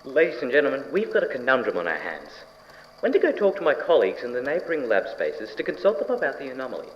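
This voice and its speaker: In an audio-drama lab log, an actor plays an eccentric, slightly unhinged male scientist who muses and questions himself rhetorically with blithe enthusiasm. His voice is close to an everyday one, though his pitch wanders, and the recording is dull and lo-fi with noticeable noise behind him.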